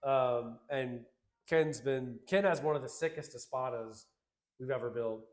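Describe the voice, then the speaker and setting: A man's voice: medium pitch, a little slow, reverberant. A man co-hosting a casual livestream, reading out chat comments in an upbeat, slangy, rambling way.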